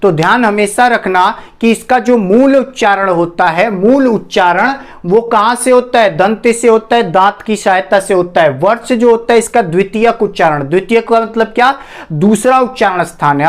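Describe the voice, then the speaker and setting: A male teacher giving a classroom lecture. He sounds out each sound slowly and several times, and keeps asking his students questions before he answers them himself. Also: high voice. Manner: drills sounds slowly with repetition. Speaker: Hindi teacher.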